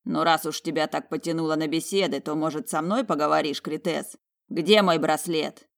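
A woman's voice: sits low, fairly even intonation, moderate pace, vocal fry. A woman reading an audiobook, voicing a proud, hot-tempered young male dragon general who growls his words through clenched teeth. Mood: menacing.

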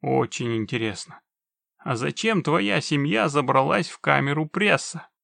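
Geralt, a man doing an icily calm witcher. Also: on the high side, unhurried, gravelly, no room sound, full character voice. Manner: icily calm, dry, mocking. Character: cold, mercenary male witcher, unflappably calm. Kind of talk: audiobook reading.

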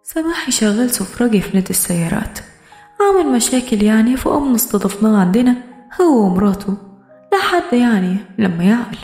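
A woman voicing a calm, sadistic male police interrogator who sounds mockingly friendly, in an audiobook. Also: on the high side, quick pace, echoey room, faint music behind. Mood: menacing.

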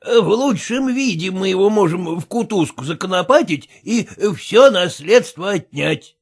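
A woman doing a slow, scornful stubborn husband. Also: mid-range voice, animated, darkish tone, husky, pitched above the performer's own voice.

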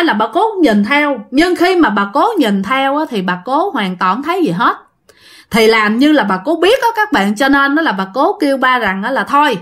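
A woman's voice: on the high side, a bit bright. A woman telling a ghost story in a chatty way, often speaking directly to her listeners. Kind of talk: casual ghost story narration.

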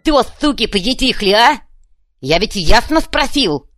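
A woman's voice: low-pitched, animated, normal speed, long reverb tail, soft background music. A woman voicing a brutal male goblin warlord who barks and curses at his underlings, in an audiobook reading. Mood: angry barking. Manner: shouting, cursing, barking questions. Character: brutal self-styled male goblin führer, loud and crude.

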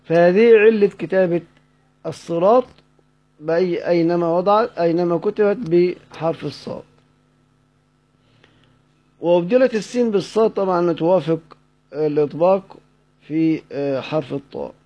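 In a dull, lo-fi recording, a male teacher with an Egyptian Arabic accent lectures on a text at normal speed, his voice sitting high and broken by frequent pauses. He questions his students, answers for them, and restates the key points.

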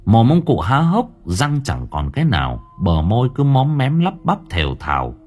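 A man narrating a horror story in a dramatic, expressive way. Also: mid-range voice, normal speed, husky. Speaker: audiobook narrator. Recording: faint background music.

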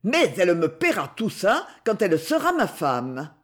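A sardonic, scheming young man, put on by a woman reading an audiobook, talks with a mocking edge. His voice moves with lively, knowing sneers. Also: lowish voice, normal speed.

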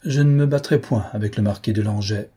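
Proud, calm chevalier, read by a man, firm delivery, husky edge. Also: lowish voice, brisk. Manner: firm, reproachful. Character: proud young male chevalier, calm and dignified.

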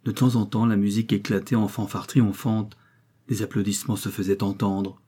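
A man reading a classic novel aloud as an audiobook narrator, in a measured, even delivery. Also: on the low side, breathy edge. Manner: measured, evenly paced reading. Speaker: audiobook reader.

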